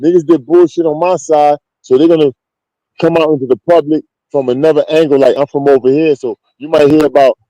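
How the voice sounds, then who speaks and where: A man's voice: a little high, fairly even intonation, brisk, mellow, dry recording, rough recording. A man from Queens with a New York accent, telling street stories as a guest in a blunt, slangy, emphatic way. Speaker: interview guest. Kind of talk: casual street storytelling.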